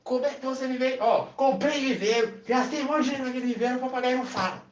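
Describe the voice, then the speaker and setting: A fussy, impatient woman, put on by a male storyteller, complains in a high, shrill voice. The sound is echoey and distant, with dull highs. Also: very animated, moderate pace, a little mellow. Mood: exasperated. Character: fussy middle-aged woman, impatient parrot owner.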